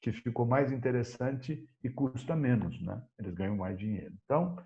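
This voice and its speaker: A man explains a business idea in a video meeting, his pace speeding up and slowing down. His voice is dark and mellow, heard over dull, lo-fi call audio. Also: medium pitch.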